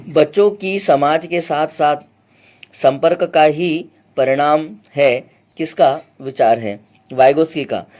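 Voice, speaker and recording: A male teacher giving an exam-prep lecture, explaining point by point, quizzing his students with repeated questions and often clearing his throat. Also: a little high, slow, long pauses, darkish tone.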